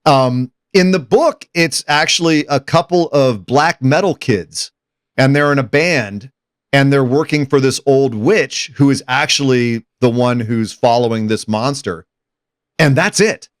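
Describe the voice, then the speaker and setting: Animated man hosting a movie chat. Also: medium pitch, measured pace, dry recording, studio quality. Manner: enthusiastic, animated retelling of scenes. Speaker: podcast host. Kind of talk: casual movie discussion.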